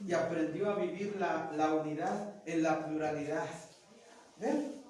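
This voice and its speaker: A man with a Mexican accent lecturing a class in a lively way, acting out the voices he quotes. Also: on the high side, measured pace. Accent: Mexican Spanish. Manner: animated, acts out quoted voices. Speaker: teacher. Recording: echoey room from far off, faint noise.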